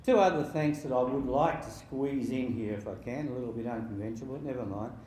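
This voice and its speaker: A man in his sixties speaks to a room of wedding guests as the father of the bride. His delivery is informal and halting, mixing dry jokes with sentiment, at an ordinary male pitch. The sound is heavily echoey, with faint noise behind him. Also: warm tone.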